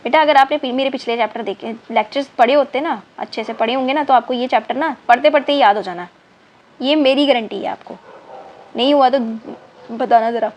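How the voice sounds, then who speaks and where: Her voice is high and a little mellow, and she speaks fairly quickly in a rough recording with faint background noise. Teaching chemistry online, she counts, spells words letter by letter, repeats terms, uses English terms, and asks "thik hai na" to check in with her students.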